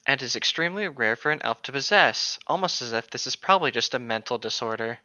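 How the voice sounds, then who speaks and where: Amid heavy noise, a young adult man with a medium-pitched, expressive voice co-hosts a casual group read-aloud, talking fast. He's informal and joking, throws in asides, and sometimes trips over difficult words.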